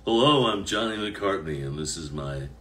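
A man putting on a very deep goofy radio host voice. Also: expressive, moderate pace, a bit bright, distant mic.

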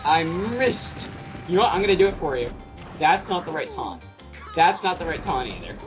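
A man's voice: sits high, very animated. A man hosting a casual online game session with friends, joking around and commenting on the match. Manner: playful, jokey, quick asides. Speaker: gaming channel host. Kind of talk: casual gameplay chat. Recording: game music playing underneath.

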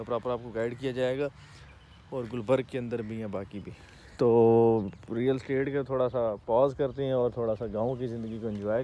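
A man's voice: mid-range voice, mellow, a little hiss or hum. A man in his thirties with a Pakistani Punjabi accent, chatting and explaining as he walks through farm fields, filmed on a phone at arm's length. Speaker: real estate vlogger. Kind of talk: walking vlog with commentary. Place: outdoors in open farm fields. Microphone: phone camera held at arm's length.

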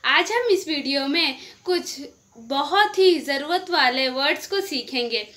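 A woman teaching a language lesson, repeating each word slowly so learners catch the pronunciation. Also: high-pitched, animated, pushed and bright.

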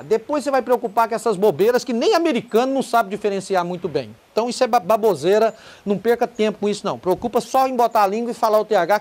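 Brazilian man teaching English pronunciation. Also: high voice. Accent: Brazilian Portuguese. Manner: explains patiently, then sings short song lines with a guitar; repeats words slowly to show pronunciation. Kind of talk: casual video lesson.

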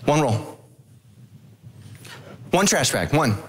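A man's voice: extremely slow, slight background noise. A middle-aged man, a pastor, preaching a sermon on a large church stage into a handheld microphone, telling stories with humorous asides. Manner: animated storytelling with humorous asides, pitch swinging widely.

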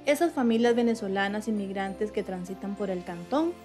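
A woman news reporter reading a scripted voice-over in a measured, clear way. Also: mid-range voice, animated, over music.

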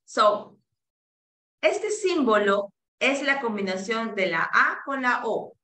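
A woman teaching an English pronunciation class, slowly modeling vowel sounds for students to repeat and slipping between two languages. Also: fairly high pitch, animated, pushed and bright, echoey room. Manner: slow and deliberate, drawing out each vowel and code-switching to English.

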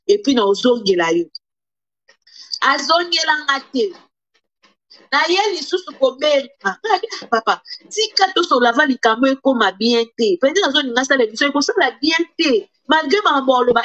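A woman with a high, bright, sharp voice delivers indignant commentary as a YouTuber. She slips between Lingala and French as she talks to camera. The recording sounds dull and lo-fi.

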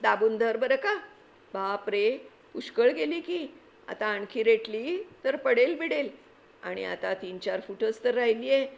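A woman's voice: a little high, animated, unhurried, gravelly. Storybook boy, plucky, urgent, commanding, voiced by a woman. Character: plucky resourceful boy planning escape.

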